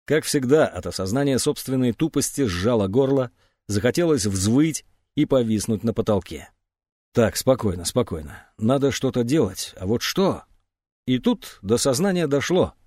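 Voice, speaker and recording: A man narrating an audiobook in a steady, measured way. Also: medium pitch, dry recording, studio quality.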